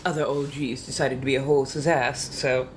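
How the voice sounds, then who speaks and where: A woman's voice: extremely low pitch, flat delivery, normal speed, background noise. A woman chatting casually to her followers as a livestream host, with theatrical, coy, old-fashioned ladylike diction and a playful habit of repeating phrases.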